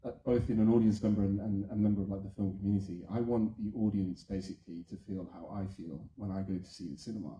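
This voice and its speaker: A man with a low, very mellow voice speaks on a film panel. He is enthusiastic and rambles a little. The sound is roomy and echoing. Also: fairly even intonation, quick pace, hardly any pauses, dull audio, a little hiss or hum. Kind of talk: panel answer. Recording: echoey room.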